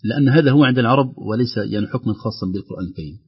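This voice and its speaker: A man teaching Quran recitation on a radio lesson, explaining calmly and slowly chanting verse examples. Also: medium pitch, breathy edge, dull audio.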